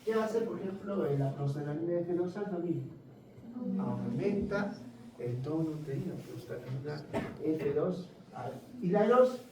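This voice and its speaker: A man's voice: a little high, expressive, distant mic, background noise. Man lecturing from across an echoey classroom. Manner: quizzing students with quick questions and answers. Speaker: pharmacology lecturer. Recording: echoey room, voice from off-mic.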